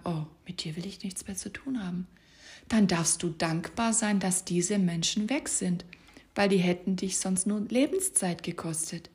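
A woman giving a motivational coaching talk, speaking softly and often in a whisper as she guides the listener with gentle instructions. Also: fairly low pitch. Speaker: life coach.

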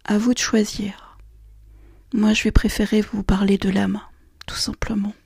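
A woman guiding a relaxation and meditation session in a soft, slow, half-whispered voice. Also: medium pitch, level tone, vocal fry, husky, dry recording, clean studio sound. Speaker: relaxation guide. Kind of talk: guided meditation.

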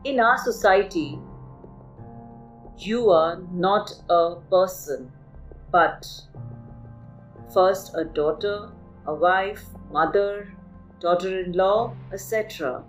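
A woman from Kolkata with an Indian English accent hosts a poetry podcast and recites her poem in an emphatic voice with dramatic pauses. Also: on the low side, faint music behind, poor audio.

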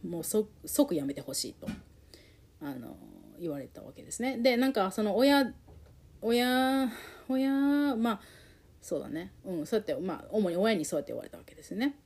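Animated, emotional woman telling a personal story. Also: mid-range voice, moderate pace. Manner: emotional, animated, reflective, with many fillers.

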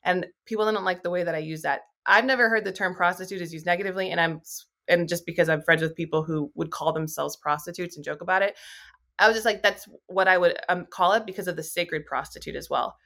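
Slightly low-voiced woman, candid astrologer guest, rambles loosely with lots of fillers. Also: fast talker, creaky, fairly bright tone. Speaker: astrologer and YouTuber. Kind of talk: casual podcast conversation.

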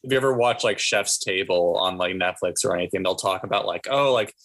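A man's voice: sits low, brisk, fairly bright tone. A young man in casual podcast chat, rambling with lots of fillers and playful made-up stories. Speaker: podcast co-host.

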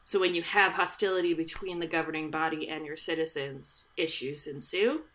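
A woman's voice: sits low, steady tone, fairly quick, a bit bright. A woman hosting a podcast, retelling history in a chatty, jokey way with plenty of fillers and asides into a studio mic. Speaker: podcast host. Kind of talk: casual history chat. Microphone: studio podcast microphone.

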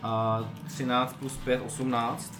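A man plays at a tabletop game, speaking haltingly and reaching for words as he explains his moves. His voice echoes in the room. Loud music plays behind him. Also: medium pitch, level tone, distant mic. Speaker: player. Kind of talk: casual tabletop play.

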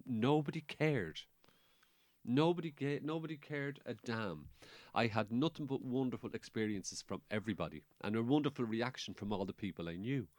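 A man in his sixties with an Irish accent, telling a personal story as a guest in a lively, anecdotal way, chuckling through it. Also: mid-range voice, no echo, clean studio sound. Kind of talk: casual storytelling.

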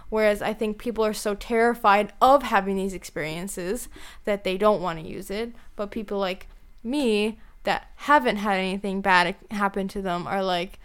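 A woman's voice: medium pitch, fairly even intonation, normal speed, smooth. A young woman co-hosting a podcast, chatting casually and filling her talk with "like" and "you know". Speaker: podcast co-host. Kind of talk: casual chat.

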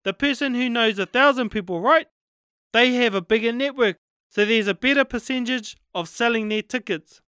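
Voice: mid-range voice, normal speed, pushed and bright, clean tone, dry recording, clean studio sound. A podcast host and narrator with a Māori New Zealand accent, speaking in a plain, informal way. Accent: Māori New Zealand English. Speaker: podcast host and audiobook reader. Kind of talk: podcast intro and scripted narration.

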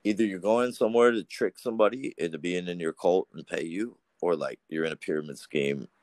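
Deep-voiced man rambling crudely. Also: a little fast, dry recording. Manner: rambling, crude, animated storytelling. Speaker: podcast guest. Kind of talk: casual profane chat.

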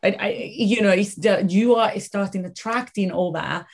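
A woman's voice: mid-range voice, moderate pace. A woman from Venezuela with a Venezuelan accent, talking conversationally as an interview guest and telling stories in an emphatic way, often repeating words. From Caracas, Venezuela. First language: Spanish. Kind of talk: conversational storytelling.

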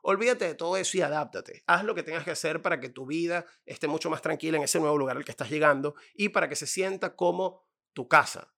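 A Venezuelan man giving comedic advice in an animated storytelling monologue, full of playful asides. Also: fairly high pitch, fast talker, gravelly.

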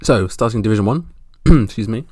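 Gravelly-voiced man hosting a sports podcast. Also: fairly low pitch, animated, fairly quick, mellow, dry recording. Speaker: podcast host. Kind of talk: casual solo sports roundup.

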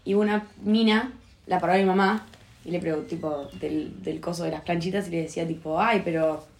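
A young woman from Argentina with a Buenos Aires accent, co-hosting a casual podcast chat and telling slangy, animated anecdotes. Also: fairly low pitch, brisk, gravelly, a little hiss or hum. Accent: Buenos Aires Rioplatense Spanish. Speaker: podcast co-host.

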